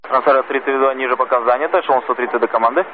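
A man's voice: mid-range voice, racing. A man speaking as an air traffic controller, giving clipped radio phraseology over a radio transmission. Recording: tinny narrow radio channel, clear background noise.

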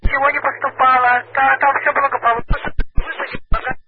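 Man, very high voice, informal radio work talk, phone-like band, static. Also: little pitch movement, fairly quick. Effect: radio transmission. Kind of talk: informal operational radio exchange. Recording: narrowband radio, clear static noise.

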